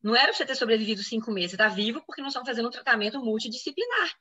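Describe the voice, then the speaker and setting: Talking rapid-fire in a fairly high-pitched voice, a woman doctor from Brazil gives a personal medical account in an interview, explaining the case and vividly quoting others. The audio sounds dull.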